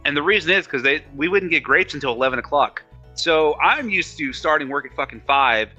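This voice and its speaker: A young man with a very bright, cutting voice rattles through profane anecdotes, jumping up in pitch whenever he imitates someone. He sounds a little higher than most men. The recording is dull and lo-fi, with faint music underneath. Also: animated, brisk. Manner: profane storytelling, mimics others with raised pitch. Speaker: podcast host. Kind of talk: casual chat.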